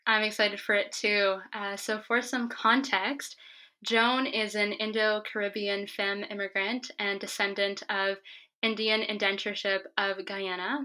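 A woman podcast host welcomes her guest and reads a long introduction. Her delivery is even and steady, with little rise and fall in pitch. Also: poor audio. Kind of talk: podcast interview, reading an introduction.

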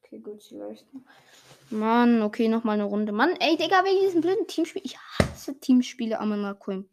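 A young, slangy gamer giving excited casual commentary while playing, full of exclamations and swearing. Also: mid-range voice, fairly quick, a little hiss or hum. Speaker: gaming streamer playing a party game.

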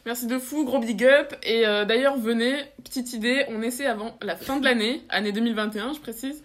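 A young woman co-hosting a casual podcast, playful and teasing in a relaxed way. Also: fairly high pitch, a little fast. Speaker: podcast co-host.

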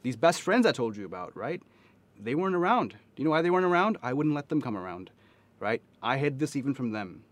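A man's voice: medium pitch, very animated, fast talker, dry recording. A man with a Pakistani accent telling personal stories candidly in conversation, emphatic and often checking in with his listener. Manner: emphatic, frequently checks with "right?". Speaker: interview guest.

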